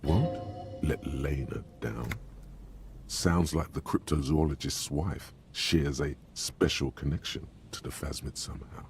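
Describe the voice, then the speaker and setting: Game narrator, extremely low voice, measured, dry, faint music. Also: male voice, gravelly, full character voice. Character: grave, all-knowing male game narrator. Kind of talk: scripted narration.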